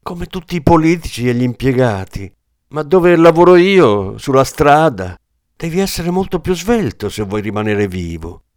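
A man's voice: fairly low pitch, sing-song, normal speed, darkish tone. A man voicing a hard-boiled, contemptuous police inspector in an audiobook, speaking in a scornful, cutting way.

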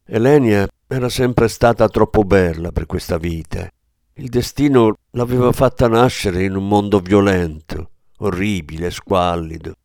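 Low-voiced male audiobook narrator. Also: a little mellow, no echo, clean studio sound. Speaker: audiobook reader. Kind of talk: scripted narration.

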